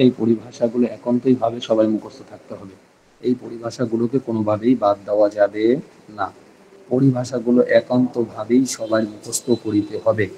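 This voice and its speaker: Male teacher, online video-call lesson, mellow warm tone, drills terms by repetition, faint background hum. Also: on the low side, low-quality recording. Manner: repeats key terms for students to memorize; checks in with frequent rhetorical questions. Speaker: Arabic grammar teacher. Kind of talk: online class lecture.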